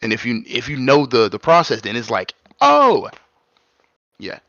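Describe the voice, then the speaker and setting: A man's voice: medium pitch, a little fast, fairly bright tone, no echo, lo-fi sound. A man co-hosting a casual podcast in a laid-back way, telling little stories from his day. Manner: laid-back, says "y'all", storytelling asides. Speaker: podcast co-host.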